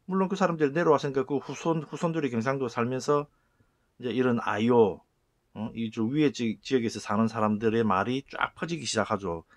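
A middle-aged man giving a lesson on words, sounding them out slowly and repeating each one. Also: medium pitch. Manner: slow, repeating words aloud to show sounds. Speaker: channel host explaining word origins. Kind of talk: lecture on words.

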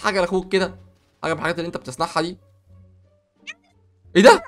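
A young Egyptian man excitedly narrating a game role-play, bossy with sudden loud outbursts. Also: high-pitched, very fast, faint music behind. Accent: Egyptian Arabic. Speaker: gaming YouTuber.

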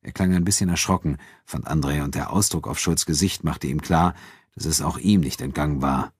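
A man narrating an audiobook in a very deep, low voice. His reading is steady and even, paced for storytelling. The sound is dry and close. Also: a little fast, husky, no echo.

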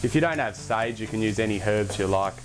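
A young man hosting a casual cooking demonstration in a home kitchen, relaxed and chatty, with self-deprecating asides. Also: on the low side, a little fast. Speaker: cooking show host. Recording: background music under the voice. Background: music and pan sizzling.

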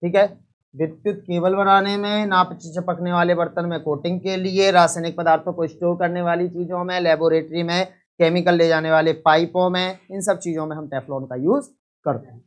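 A man's voice: high-pitched, fairly even intonation, fairly quick. A man teaching a live online chemistry lesson, repeating each point and quizzing students.

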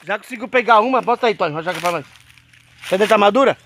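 A man's voice: sits high, animated, quick pace. A man casually vlogging outdoors on a rural farm, joking and swearing as he narrates to the camera. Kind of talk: casual outdoor vlog chat. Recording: loud wind noise on camera mic.

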